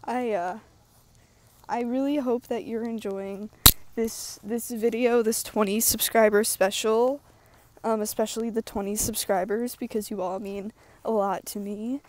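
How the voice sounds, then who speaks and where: A woman's voice: a little high, steady tone, measured pace, a little mellow, slight background noise. A young woman vlogging casually as she walks outdoors, rambling with lots of fillers and dry self-mocking humor, a little out of breath. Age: young adult. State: slightly out of breath from walking uphill. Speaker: YouTuber. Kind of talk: casual walking vlog. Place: outdoors at the edge of woods. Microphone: wired earbud headset mic, phone held low.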